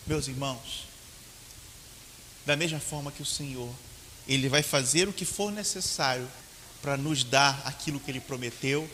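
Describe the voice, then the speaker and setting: A man preaching a sermon as pastor, swinging between quiet and loud passages. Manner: preaching with big swings in pitch and loudness. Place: church hall. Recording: church hall reverb with faint hiss.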